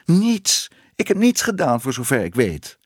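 Guy putting on a higher voice for a shy young cat-girl, pleading, a bit breathy, storybook. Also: wildly swooping pitch, a little slow, dry recording, clean studio sound, exaggerated voice. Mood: meek. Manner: meek and pleading. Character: young female cat turned human woman, plaintive.

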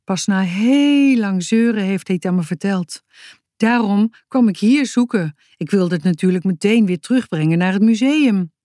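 A woman's voice: medium pitch, normal speed, warm tone, dry recording, studio quality, lightly acted. Woman doing a middle-aged mother, pleading, solemn, protective, children's story.

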